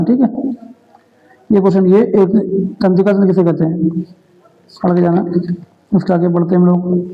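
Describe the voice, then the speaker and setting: A man with a high voice, an accent from North India, and a flat, even way of talking runs through exam revision topics as a tutor. His talk is casual and full of "okay" checks. The recording sounds dull and lo-fi. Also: gravelly. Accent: North Indian Hindi. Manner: informal, repeatedly says "read it well" and "okay".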